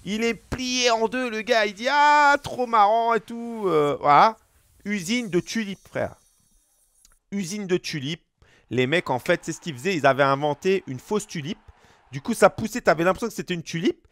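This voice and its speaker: Here a young man streaming a game pack opening rambles through a tall tale with slang and mouth effects, close on a desk mic. His voice sits high and fairly bright, animated but at a moderate pace, with no echo.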